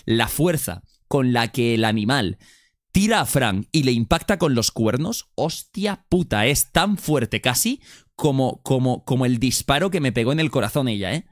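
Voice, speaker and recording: A young man with a Spain Spanish accent reacting live on a stream, excitable and slangy, repeating words in bursts. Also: medium pitch, normal speed, no room sound, studio quality.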